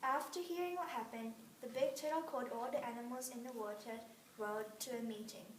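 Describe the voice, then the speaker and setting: A woman reading a myth aloud as a storybook narration in a clear, steady voice. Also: on the high side, a little fast. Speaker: reader. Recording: roomy, distant mic, faint noise.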